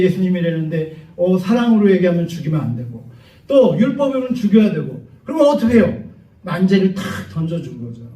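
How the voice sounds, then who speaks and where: High-voiced man preaching in echoey church. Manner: animated storyteller, acts out voices, jokes with the congregation. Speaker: pastor. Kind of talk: sermon. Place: church sanctuary. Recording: echoey church hall from far off, dull.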